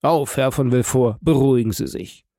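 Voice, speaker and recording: A man's voice: mid-range voice, fairly quick, dark tone, no echo, studio quality, close to an everyday voice. A man voicing a commanding male court president in an audiobook, formal and demanding. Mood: stern.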